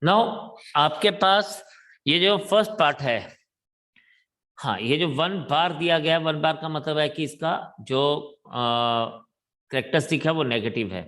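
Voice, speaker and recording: Slow, deliberate man teaching math. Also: fairly high pitch, a bit bright. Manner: slow, deliberate, mixes Hindi and English. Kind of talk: classroom lecture.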